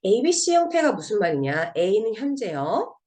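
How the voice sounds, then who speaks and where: Lively Korean-speaking woman teacher. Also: moderate pace. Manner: lively, asks questions and answers them herself; drills word forms with strong rise and fall in pitch. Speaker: English grammar teacher. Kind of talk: recorded online grammar lecture over slides.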